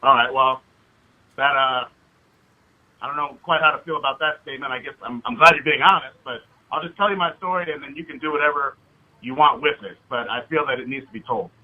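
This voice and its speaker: The speaker is an American man calling in as a citizen activist, his mid-range voice brisk. Hesitant and wordy, he still insists on his point over a dull, lo-fi recorded phone line.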